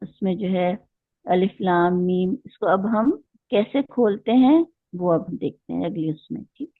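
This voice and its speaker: Female recitation teacher, unhurried and methodical, quizzes the class; thin phone-quality audio, no room sound. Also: on the low side, no echo. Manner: patient, explaining step by step with questions to students. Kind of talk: online class lecture. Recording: tinny phone-like line.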